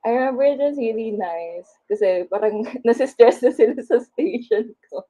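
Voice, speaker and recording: A woman's voice: fairly high pitch, animated, moderate pace, warm tone. A twenty-year-old woman with a Filipino accent, a bubbly guest who laughs often in a casual online interview. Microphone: video call. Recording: dull lo-fi video call audio.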